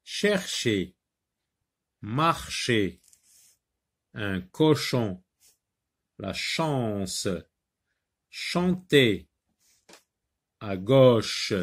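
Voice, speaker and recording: A man leads a French phonics lesson at a very slow, deliberate pace, repeating each word and sound several times. His voice has a gravelly edge, and his pitch moves lively up and down as he stresses the sounds. Now and then he translates an instruction into Arabic. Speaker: French teacher.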